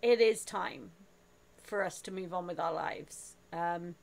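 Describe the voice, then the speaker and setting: A woman's voice: lowish voice, slow pace, gravelly, a loud crowd. Teasing chatty woman streamer. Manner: teasing, chatty, laughs often. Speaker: streamer host. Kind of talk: casual stream chat.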